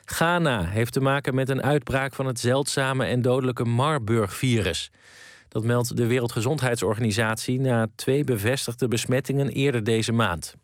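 A man reading a scripted radio news bulletin in a steady, measured way. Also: medium pitch, no echo, clean studio sound. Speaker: newsreader. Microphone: studio microphone.

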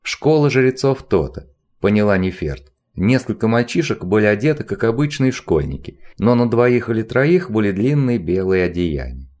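A male audiobook narrator reading a novel. His voice sits on the low side for a man, yet moves animatedly through each sentence. The storytelling is expressive and steady. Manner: expressive, even-paced storytelling.

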